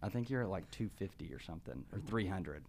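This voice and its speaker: A tired man hosts a laid-back podcast. He teases his guest often and laughs easily, keeping the talk loose. His voice sits slightly low. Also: animated, fast, a little mellow. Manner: joking, teasing, laughs often. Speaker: podcast host. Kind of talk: casual podcast chat.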